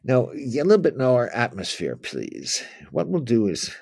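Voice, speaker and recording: Male history lecturer, husky and low, dry close sound, rambling delivery. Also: wildly swooping pitch, moderate pace, darkish tone, no echo. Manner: rambling, with many restarts and asides. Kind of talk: informal spoken lecture.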